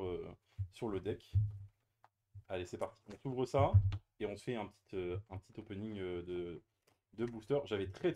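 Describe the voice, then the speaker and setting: A card-opening YouTuber with a lowish, dark voice gives casual unboxing commentary while opening trading card boosters on camera. He sounds hesitant, full of fillers and restarts.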